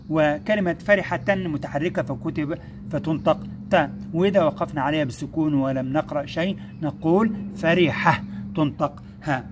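A patient male teacher speaking to young children, his voice set a little high for a man. He breaks words into slow, drawn-out syllables and praises the class often. A faint hiss sits under the recording. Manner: patient, explains step by step, slows to sound out syllables; addresses pupils as "my sons", praises them. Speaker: first-grade Arabic teacher.

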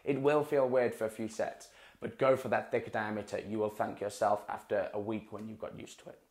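In a small indoor room in front of a dark wall, a young adult water-ski coach gives a casual instructional talk to camera, recorded on a clip-on lapel mic. Speaking at a medium pitch, he explains his equipment and repeats words for emphasis.

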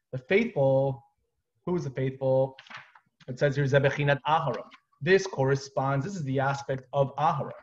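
A man's voice: fairly high pitch, slight background noise. A man in his thirties teaching a live online Torah class, explaining step by step with casual asides. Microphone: webcam on a video call. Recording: dull lo-fi video call audio.

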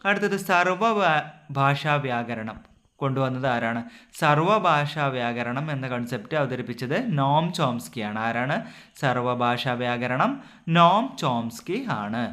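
A male exam tutor runs through his revision points in a steady drill. His voice is bright and forceful. He poses each question and hammers home the answer with repeat after repeat. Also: medium pitch, a little slow. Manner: asks a question, then repeats the answer several times.

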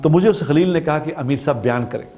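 A man's voice: fairly high pitch, mellow. A man from Pakistan giving a religious talk, telling a story with repeated phrases for emphasis. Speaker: preacher.

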